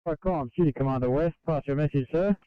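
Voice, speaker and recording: Very clear male fire dispatcher on radio. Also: on the high side, fast, dry recording. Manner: formal, repeats messages back. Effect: two-way radio. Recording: dry, muffled radio dispatch audio.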